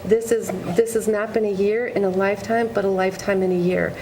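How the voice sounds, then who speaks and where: School administrator, woman, mid-pitched, reading meeting announcements over steady background noise. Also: a little fast. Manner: reads announcements, lists names and dates. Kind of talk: board meeting report. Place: school board meeting room. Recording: noisy community TV recording.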